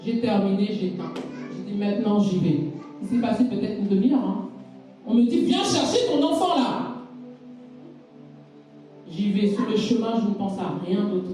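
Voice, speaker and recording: Telling her personal testimony with emphatic repetitions, a woman preaches a sermon in a church hall. Her voice is medium-pitched, steady and mellow, and her pace brisk. She's recorded from a distance in the echoey hall, with faint music present.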